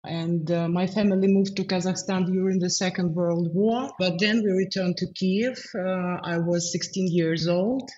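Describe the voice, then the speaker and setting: A woman from Ukraine with a Ukrainian accent, answering interview questions hesitantly, with many fillers and soft laughs. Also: fairly low pitch, fairly even intonation, moderate pace, hardly any pauses, highs cut off. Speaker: guest, foundation founder.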